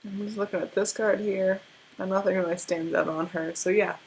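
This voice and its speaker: A woman's voice: medium pitch, fairly even intonation, brisk, poor audio. Tired young woman with a stutter. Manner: stutters, with many restarts. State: tired from little sleep, yawning. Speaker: tarot reader. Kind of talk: casual tarot card reading.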